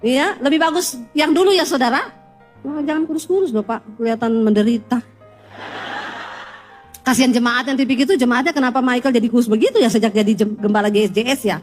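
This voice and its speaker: Woman preacher, high bright voice, humorous storyteller in church, faint music underneath. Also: fast talker. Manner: lively storytelling with teasing humor, often calls out to the congregation. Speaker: pastor. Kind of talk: sermon. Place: church in front of a congregation.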